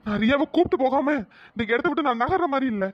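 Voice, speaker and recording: A man playing a pleading cartoon husband, slow and tearful, mid pitch, dull dry lo-fi audio. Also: lively intonation, dry recording. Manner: begging, slow, soft.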